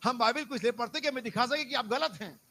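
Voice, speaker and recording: A male pastor preaching a sermon with emphatic repetition and rhetorical questions, swinging between loud exhortation and low, quiet asides. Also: fast, slight background noise, rough recording.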